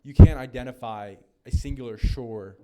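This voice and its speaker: Dark-voiced young man, rambling podcast co-host. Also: mid-range voice, normal speed, slight background noise. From northeastern United States. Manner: rambling, self-deprecating, lots of fillers. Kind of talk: casual chat.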